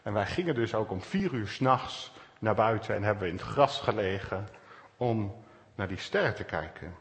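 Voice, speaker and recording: A man preaching a calm, searching sermon, with pauses and stresses. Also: lowish voice, in a large hall. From Netherlands. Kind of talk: reflective sermon.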